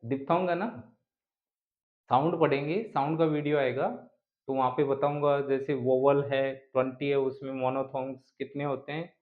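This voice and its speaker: A male teacher giving an exam prep lecture, who keeps asking questions and answering them himself and mixes English terms into his explanations. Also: medium pitch. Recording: echoey room, dull lo-fi sound.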